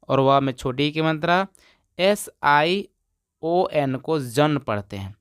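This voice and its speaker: Slow, clear male teacher. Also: a little high, no room sound, clean studio sound. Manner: spells out letters slowly, repeats words for students. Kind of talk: phonics lesson.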